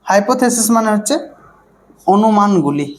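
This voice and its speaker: A man's voice: high voice, animated, normal speed, a little hiss or hum. A male English teacher with a Bengali accent gives an online exam-prep lecture, repeating words and asking rhetorical questions that he answers himself. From West Bengal, India. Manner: repeats words and often says "okay".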